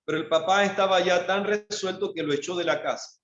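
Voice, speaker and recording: A male pastor with a Panamanian accent preaching a sermon, asking rhetorical questions and dropping soft and low for the quoted lines. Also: a little fast. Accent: Panamanian Spanish. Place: church hall. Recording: echoey church, dull lo-fi sound.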